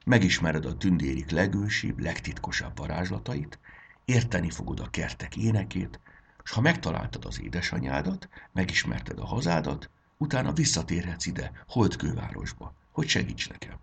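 A man voicing a kind, wise fairy queen in a children's storybook, speaking gently and reassuringly. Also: low-pitched, sing-song, vocal fry, slightly rough, full character voice. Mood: gentle.

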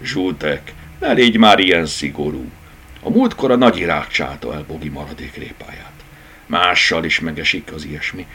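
A man voicing a kind, gentle teddy bear who soothes and makes peace, in a children's storybook reading. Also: a bass voice, animated, slight background noise, exaggerated voice. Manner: soft, friendly, soothing.

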